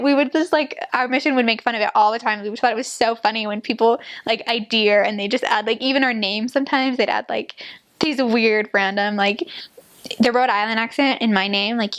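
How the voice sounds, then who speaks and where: Woman, twenties, slightly high voice, giggly, animated, casual storytelling, says "like" constantly. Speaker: former missionary telling stories. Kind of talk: casual chat, humorous anecdotes.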